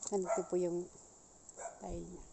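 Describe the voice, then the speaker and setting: A woman vlogger from the rural northern Philippines, a non-native Tagalog speaker with a regional accent, talking casually and politely in halting Tagalog mixed with English. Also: on the low side, level tone, gravelly. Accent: Igorot-region Philippine accent. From rural Ilocos Sur, Philippines. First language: an Igorot language of the northern Philippines. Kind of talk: casual walking vlog tour. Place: outdoors in a rural village. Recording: noisy outdoor recording with insects and animals.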